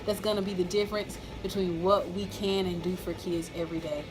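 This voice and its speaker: A woman's voice: on the low side, fairly even intonation, fairly quick, background noise. An American woman speaking as a school principal, giving an encouraging, emphatic motivational talk to staff and repeating key phrases.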